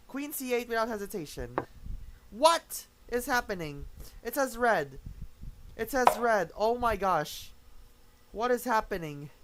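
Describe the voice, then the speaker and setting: A young man hosting his own channel, giving live chess commentary, excitable and given to repeated exclamations. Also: sits high, a little hiss or hum.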